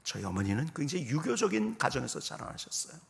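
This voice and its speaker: A man in his fifties, a guest pastor giving a revival sermon with personal testimony, swinging from loud exclamations to soft whispers and asking the congregation questions. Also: on the high side, big pitch swings, quick pace, creaky. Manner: addresses congregation directly with questions.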